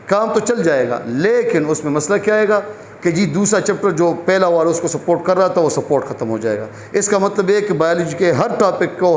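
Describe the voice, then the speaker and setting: اونچی آواز والا مرد، گونجتے کمرے میں لیکچر دیتا ہوا. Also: male voice, sits high, a little hiss or hum. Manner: explains by asking questions and answering them himself. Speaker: biology lecturer. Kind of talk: classroom lecture. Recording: echoey room with faint background ambience.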